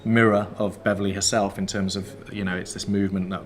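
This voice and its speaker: A man from South Wales, a writer and director, explaining his work in a festival interview in a measured way, pausing often. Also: low voice, level tone, crowd noise. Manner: measured, explanatory, pauses with fillers.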